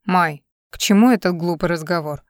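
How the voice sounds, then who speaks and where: A woman's voice: lowish voice, normal speed, no echo, clean studio sound, natural voice. A woman reading an audiobook, voicing a tired, level-headed young male musician who speaks curtly and patiently. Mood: firm, weary.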